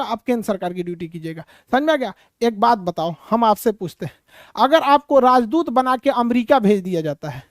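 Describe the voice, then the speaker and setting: A woman lectures a live class in a high, ringing voice. She fires off questions and answers them herself, with teasing, scolding asides. The sound is close and dry, with no room echo. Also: a little mellow. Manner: rhetorical questions answered aloud. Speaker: teacher.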